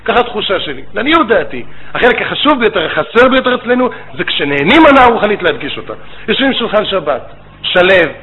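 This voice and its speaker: Animated man lecturing on a tinny line. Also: high-pitched. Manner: animated storytelling with rabbinic phrasing. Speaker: rabbi and educator. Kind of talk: religious lecture. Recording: tinny phone-like line with faint noise.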